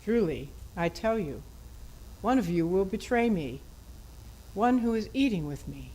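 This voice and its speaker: A woman's voice: medium pitch, lively intonation, unhurried, dark tone, low-quality recording. A woman reading a gospel passage formally as a church reader. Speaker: scripture reader at a Good Friday service.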